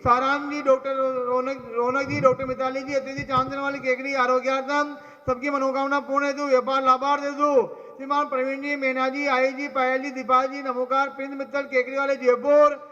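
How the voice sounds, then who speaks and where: A man's voice: very high-pitched, completely flat delivery, a little fast, sharp tone. A man announcing at a temple ritual, rattling off a long list of donor names and blessings. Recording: echoey temple hall, dull lo-fi sound.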